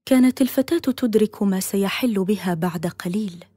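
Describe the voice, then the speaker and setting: Woman telling a dramatic story, soft half-whisper, dark husky voice. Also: medium pitch, moderate pace, no room sound, studio quality.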